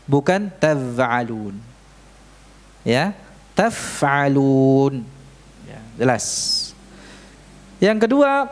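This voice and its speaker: Pria guru tajwid bertempo pelan. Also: male voice, on the high side. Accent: Indonesian. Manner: questions the audience often, demonstrates Arabic sounds slowly. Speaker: Quran recitation teacher. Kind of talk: tajwid lesson with live recitation examples. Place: mosque prayer hall.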